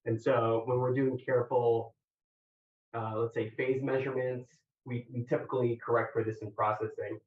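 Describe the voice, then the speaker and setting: Echoey, phone-like man asking measured technical questions. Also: medium pitch, little pitch movement. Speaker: examiner questioning a thesis candidate. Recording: very echoey, distant, phone-like remote audio.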